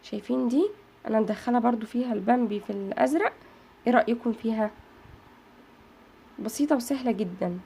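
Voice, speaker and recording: A woman with an Egyptian Arabic accent hosts a chatty craft tutorial, speaking directly to her viewers and calling them girls. Her voice is a little high, warm, and gravelly, quick-paced but broken by long pauses, with a slight hiss or hum in the background.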